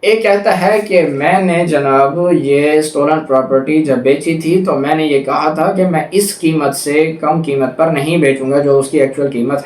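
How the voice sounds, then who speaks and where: In an echoey, roomy recording, a Pakistani-accented man whose voice sits on the high side with a touch of mellowness explains the law to his audience. He reads legal passages aloud, illustrates them with examples, restates each point in other words, and mixes English legal terminology into his Urdu.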